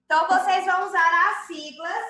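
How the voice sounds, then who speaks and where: A woman's voice: extremely high pitch, steady tone, a little fast, bright, forceful tone. A woman teacher with a Brazilian Portuguese accent, patiently explaining a workbook exercise to young children in an online class and checking that they follow. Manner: refers to herself as "tia" to the kids. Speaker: primary school teacher. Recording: echoey room.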